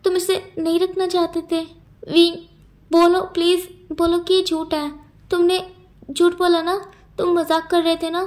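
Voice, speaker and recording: A woman's voice: high-pitched, steady tone, normal speed, close to an everyday voice. A woman voicing a lovesick young man in a storybook reading, pleading earnestly and tearfully.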